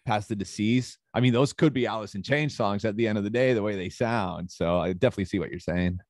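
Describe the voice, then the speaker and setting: A man's voice: on the low side, fast, dry recording, clean studio sound. A young man from Chile, a band frontman, chatting casually in an interview, laughing often and talking loosely with fillers.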